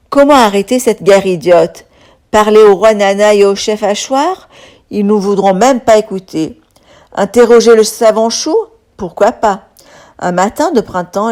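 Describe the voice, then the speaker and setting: A woman reading a children's story aloud, expressive and animated. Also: medium pitch.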